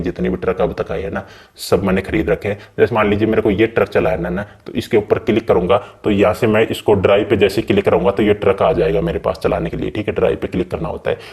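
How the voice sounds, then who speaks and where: In a relaxed settings walkthrough, a gaming channel host chats with his viewers and often calls them brother. His voice sits fairly low and carries a darkish tone.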